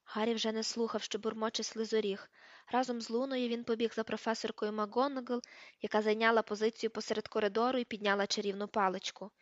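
A woman's voice: on the high side, little pitch movement, fast, no echo. A woman narrating an audiobook, reading the page numbers aloud and shifting her voice for the characters. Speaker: audiobook reader. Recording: dull lo-fi dry recording.

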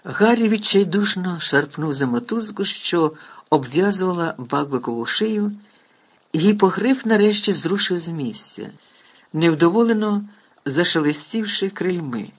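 A man narrating an audiobook in a lively, expressive reading. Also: high-pitched, a little slow, husky. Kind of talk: storybook reading.

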